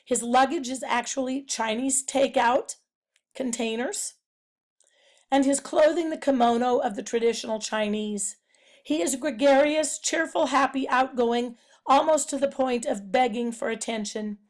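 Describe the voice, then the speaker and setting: A woman giving a narrated presentation analysing a novel, speaking in a measured, explanatory way. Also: sits high. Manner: measured, explanatory, reads quotes aloud.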